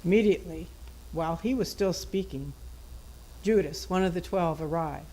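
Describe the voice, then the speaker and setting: A woman's voice: lowish voice, normal speed, warm tone, poor audio. A woman reading a gospel passage formally as a church reader. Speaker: scripture reader at a Good Friday service.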